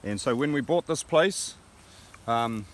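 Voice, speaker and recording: A man, telling stories in a casual, unhurried way with many fillers, first outdoors in an orchard and then riding in a van. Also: mid-range voice. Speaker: guest, fisherman and orchard grower. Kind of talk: casual chat. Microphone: handheld camera held by the host. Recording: steady background noise from outdoors and car. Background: outdoor ambience and road noise.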